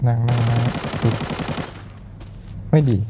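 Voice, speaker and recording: A man's voice: racing, very noisy. A man with a Thai accent giving casual, chatty commentary while playing a shooter game, laughing often and explaining as he goes. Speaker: gaming YouTuber.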